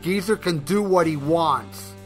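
A man's voice: a little high, unhurried, faint music behind. A man hosting a podcast in casual, irreverent chat, given to teasing and mock ranting. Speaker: podcast host.

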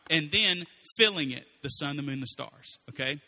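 A man's voice: on the high side, lively intonation, normal speed, sharp tone. A man preaching a sermon, telling a story in a conversational way with frequent asides to the congregation. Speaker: pastor.

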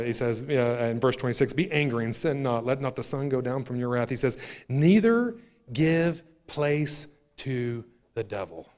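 A man preaching a sermon to his church, folksy and repetitive, calling out to the congregation and building to loud, emphatic climaxes. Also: medium pitch. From United States. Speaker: pastor. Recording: long hall reverb of a church.

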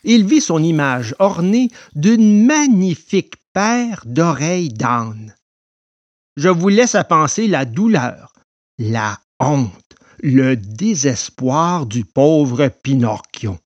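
A man narrating a storybook in an expressive telling voice. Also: on the high side, takes it slowly, dry recording, muffled recording.

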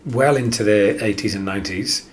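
An Australian man with a slightly low voice, co-hosting a casual podcast. He rambles and restarts words as he thinks aloud. Faint room noise sits behind him. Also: moderate pace. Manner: rambling, chatty, repeats words while thinking. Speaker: podcast co-host. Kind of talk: casual chat.

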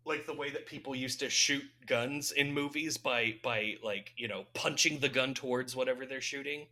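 A man's voice: mid-range voice, fairly even intonation, moderate pace, pushed and bright. A man casually recapping a movie plot in a rambling, amused way, laughing often. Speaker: podcast co-host recapping a movie. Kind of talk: casual chat.

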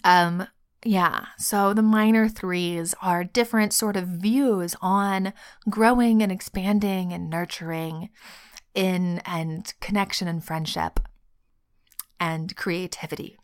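Slow, soft-spoken woman podcast host. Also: on the low side, steady tone, clear, resonant tone. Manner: slow, soft and heartfelt, drops to whispers, laughs often. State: sick and choked up. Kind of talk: reflective solo podcast talk.

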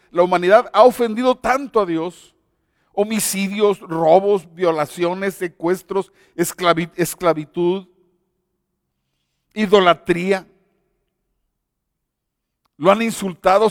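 Male preacher in his fifties, high voice, sermon delivered with emphatic pauses and frequent restarts, dry close sound with a long hall tail. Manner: retells a story with emphatic pauses and repetition; stammers and restarts often.

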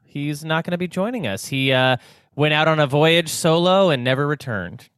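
A man chatting casually as a podcast panelist, jokey and quick to react. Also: on the high side, fairly bright tone, smooth, no echo, clean studio sound. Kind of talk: casual joking chat.

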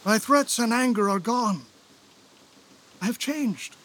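An actor playing a remorseful royal brother in an earnest, pleading stage delivery for an audio drama. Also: male voice, very high-pitched, lively intonation, slow, fairly bright tone, heavily acted.

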